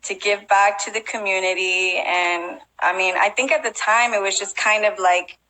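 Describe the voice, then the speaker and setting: A young woman as a guest in a casual interview, talking relaxed with lots of fillers and frequent laughs. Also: medium pitch, normal speed, rough recording. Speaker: guest, breaking event organizer.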